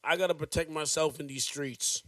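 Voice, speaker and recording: A man's voice: fairly high pitch, fairly even intonation, moderate pace, distant mic, a loud crowd. A young man from Jamaica co-hosting a podcast, musing in a rambling way with many fillers in casual chat. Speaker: podcast co-host.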